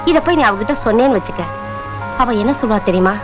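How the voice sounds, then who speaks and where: A woman's voice: a little high, expressive, quick pace, lightly acted, rough recording. An actress playing a middle-aged mother who worries over her son and coaxes him, in a film soundtrack with music behind. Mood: pleading. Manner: coaxing, scolding tenderly. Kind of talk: film drama dialogue.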